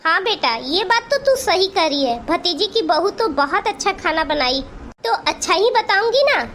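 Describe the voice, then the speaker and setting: A woman voicing a kindly older aunt in a Hindi cartoon, gentle and consoling. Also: very high-pitched, very animated, moderate pace, slight background noise, heavily acted. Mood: cheerful.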